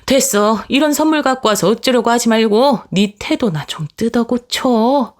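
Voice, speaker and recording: A woman's voice: fairly high pitch, lively intonation, normal speed, pitched above the performer's own voice, lightly acted. A woman doing a bossy, scolding older mother-in-law. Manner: scolding, exasperated, old-fashioned speech.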